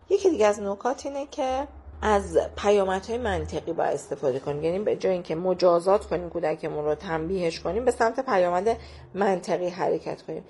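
A woman presenting a child counseling segment, calmly explaining parenting advice with everyday examples. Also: fairly low pitch, breathy edge. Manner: calm, instructive, gives everyday examples.

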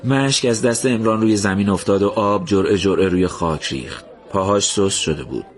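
A man narrates a story in a calm, gentle, measured voice. His pitch sits somewhat low, steady under the scenes he tells.

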